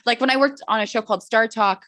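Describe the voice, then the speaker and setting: A woman talking as a podcast guest in casual conversation, animated and joking, often restarting her sentences. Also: fairly high pitch, quick pace, no echo, studio quality.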